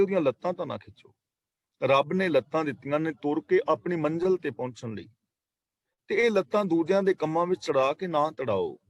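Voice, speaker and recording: Over an online meeting call, a man leads a scripture lesson, walking through the verses line by line and leaning on parables and repetition. His voice is on the high side, with no room sound.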